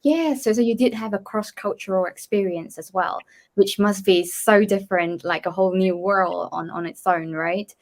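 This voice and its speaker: A woman's voice: medium pitch, normal speed. Woman who grew up in asia doing an interview, engaged, reflective, chatty. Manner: engaged, reflective, relates guest's story to her own. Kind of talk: casual interview.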